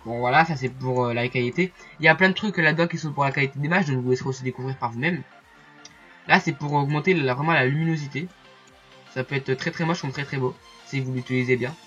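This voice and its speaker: A YouTuber talks viewers through a photo-editing site in a casual screen-recorded tutorial, chatty and hesitant, with lots of fillers and asides. His voice is medium-pitched, fast and slightly bright. The audio is dull, with soft music in the background.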